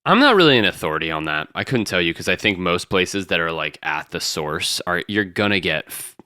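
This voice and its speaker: A man with a very low voice that still swings widely in pitch, trading jokes in a casual podcast chat. His tone is bright and clear, recorded dry and close, and he laughs easily as he rambles. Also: very animated, brisk, dry recording. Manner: jokey, laughs often, loose and rambling. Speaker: podcast co-host.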